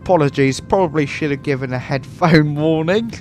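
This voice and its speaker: A man chatting casually on a flight sim livestream, relaxed and laughing often, speaking into a headset mic. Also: on the high side, a little fast, faint music behind. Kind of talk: casual livestream chat while flying. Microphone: headset microphone.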